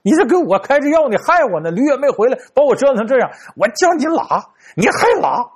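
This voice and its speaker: Gullible old man, shouting curses, high raspy voice, as a storyteller puts him on. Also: big pitch swings, fast talker, full character voice. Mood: ranting. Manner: ranting, shouting threats. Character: cranky seventy-two-year-old man, cursing and gullible.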